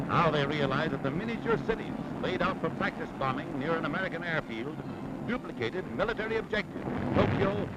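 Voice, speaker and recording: A man narrating an old wartime newsreel in a high, lively voice that rises and falls with dramatic emphasis. He announces each line with emphatic showmanship. Loud music plays under him throughout on a vintage newsreel soundtrack. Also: poor audio. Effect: old newsreel narration over music.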